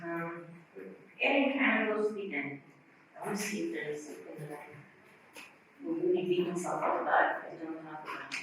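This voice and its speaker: Woman vocal teacher, workshop talk with demonstrations, slightly low voice, heard from afar in a very reverberant hall. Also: normal speed, fairly bright tone, slight background noise. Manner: explanatory, demonstrates breathy and glottal sounds. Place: conference hall. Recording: very echoey hall from far off.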